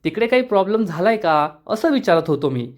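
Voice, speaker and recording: A man's voice: sits high, very animated, brisk. A man voicing a carefree, joking young man who keeps reassuring others. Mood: easygoing. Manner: jokey, reassuring.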